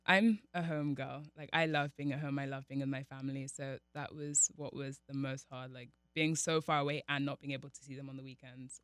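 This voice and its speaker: A woman's voice: deep voice, clean tone, no echo. Young woman guest. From Nigeria. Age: young adult. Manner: relaxed, chatty, many "um" and "like" fillers. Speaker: podcast guest, college athlete. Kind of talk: casual interview chat.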